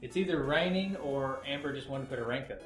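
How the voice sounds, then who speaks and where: A woman's voice: rumbling low, quick pace, reverberant, faint music behind, low-quality recording. A woman talking casually on a video call whose audio keeps dropping out. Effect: choppy video-call audio dropping out.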